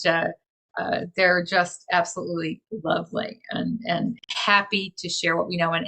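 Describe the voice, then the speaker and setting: A woman's voice: lowish voice, gravelly, pushed and bright. A woman enthusiastically explaining a crypto gift card in casual talk on a video call, gushing as she goes. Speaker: crypto community organizer.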